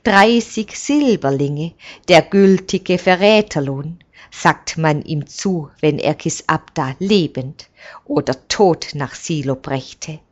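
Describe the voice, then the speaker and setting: A woman reading a story aloud in a slow, deliberate, expressive way. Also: sits low, dull audio. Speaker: narrator.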